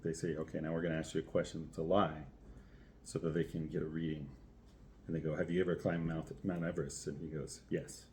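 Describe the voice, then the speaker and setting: A man's voice: very deep voice, little pitch movement, quick pace, dark tone, slight background noise. A man talking casually in a personal vlog, telling anecdotes and thinking aloud with some hesitation. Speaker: vlogger, first-time ice bath participant.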